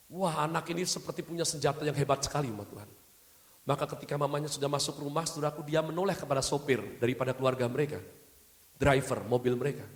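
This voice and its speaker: A male preacher tells stories to his congregation. His voice sits high for a man. It rings out with a long church hall reverb. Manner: storytelling, repeats "saudaraku" to address the congregation. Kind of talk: sermon.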